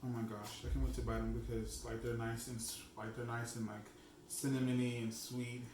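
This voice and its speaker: A young man chatting away in his home kitchen, excitable and loose, filling every pause with "like". His voice sits at an ordinary middle pitch. The room bounces his voice back, with a faint hum of noise behind him. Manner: chatty and excitable, heavy use of "like". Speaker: food blogger host. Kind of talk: casual cooking vlog. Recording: echoey room.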